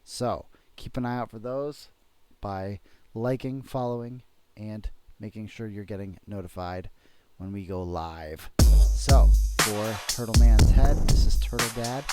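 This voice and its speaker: With music playing behind him, a father in a laid-back podcast gently quizzes his child and ends on an upbeat note to listeners. He speaks slowly, his voice on the low side.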